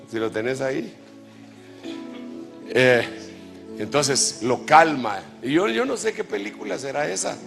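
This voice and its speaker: An apostle preaches to fellow pastors at a deliberate, unhurried pace, bantering with his congregation before turning to fervent prayer. His voice rings out with a long hall reverb, and soft music lingers underneath. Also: medium pitch, creaky. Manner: lively, jokes with the congregation, then prays fervently. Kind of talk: sermon. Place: large church hall.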